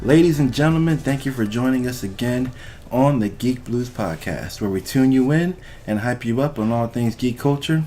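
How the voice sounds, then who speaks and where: A man's voice: mid-range voice, animated, normal speed, mellow, faint music behind. A man hosting a casual podcast, informal and loose with language, speaking straight to his listeners. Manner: informal, profane, addresses listeners directly. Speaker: podcast host.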